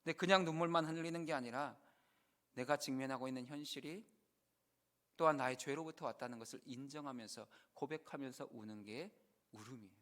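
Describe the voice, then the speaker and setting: A male pastor preaches a sermon briskly in a medium-pitched voice, earnest throughout, rising to loud emphasis and then dropping to hushed, quoted prayers.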